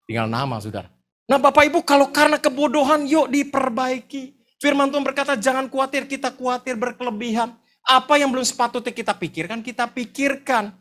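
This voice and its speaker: A middle-aged man preaching a lively, humorous sermon, joking and telling stories in slangy speech. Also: extremely high pitch, fairly quick. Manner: animated, joking, slangy storyteller. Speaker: pastor.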